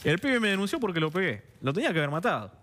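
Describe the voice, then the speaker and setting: A man's voice: high-pitched, big pitch swings, racing, fairly bright tone, a little hiss or hum. A man from Argentina with a Buenos Aires accent, a guest on a TV studio interview, vehemently recounting events and acting out the dialogue. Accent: Buenos Aires Spanish. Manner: vehement, acts out quoted dialogue, keeps asking "understand?".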